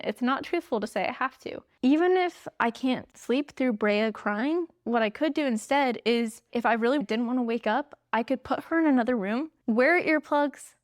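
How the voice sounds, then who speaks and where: A woman's voice: on the high side, dry recording, studio quality. A young woman talking casually on her own show, chatty, laughing now and then and acting out short quoted lines. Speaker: podcast host. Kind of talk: casual solo talk.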